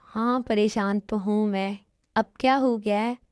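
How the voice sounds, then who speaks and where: A woman's voice: medium pitch, steady tone, unhurried, darkish tone, smooth, no room sound, lightly acted. A woman voicing a worried middle-aged father and company owner in an amateur dub, talking in an anxious, pleading way. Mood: troubled.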